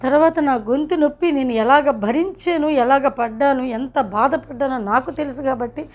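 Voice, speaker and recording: A woman's voice: high voice, moderate pace. A middle-aged woman from India telling her personal testimony in an earnest, emotional way. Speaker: testimony speaker.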